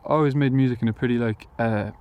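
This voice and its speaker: A young adult musician from Galway, Ireland, answers interview questions as a guest, speaking fast in an Irish accent with a medium-pitched, clean-toned voice. His replies are hesitant, full of fillers and restarts, and the sound is lo-fi.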